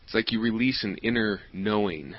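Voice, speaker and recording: Agreeable male interviewer, low voice, halting delivery, dull lo-fi recording. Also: dry recording. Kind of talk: casual promotional chat.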